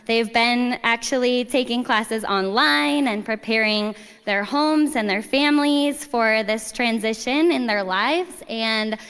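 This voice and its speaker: Slow-speaking woman with a long hall echo. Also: a little high, a bit bright, clean tone. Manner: unhurried, with frequent ums. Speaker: client services training coordinator. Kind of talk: ceremony speech.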